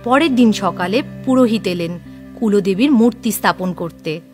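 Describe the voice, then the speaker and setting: A woman reads a scripted horror story aloud at a moderate pace, her mid-range voice slightly mellow and lively in intonation. Music plays faintly in the background.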